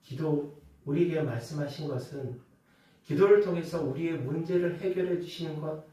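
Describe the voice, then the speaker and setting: A man preaching a Sunday sermon as pastor, building to loud rhetorical questions and dropping back to quiet explanation. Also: fairly high pitch, normal speed. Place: church sanctuary. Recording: very echoey church hall, mic at a distance.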